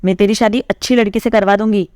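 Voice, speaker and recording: A woman's voice: mid-range voice, fairly even intonation, quick pace, no room sound, studio quality, natural voice. Woman playing Aarti, a fierce scolding sister. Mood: coaxing. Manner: sharp, scolding, rising to loud outbursts. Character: angry scolding older sister, proud of family honour.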